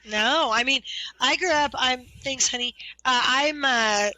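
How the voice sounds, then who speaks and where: A woman's voice: high-pitched, measured pace, sharp tone, dry recording, poor audio. A woman in her fifties from California, talking politics in a casual, emphatic, indignant way as a guest. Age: 50s. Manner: emphatic, indignant, repeats words.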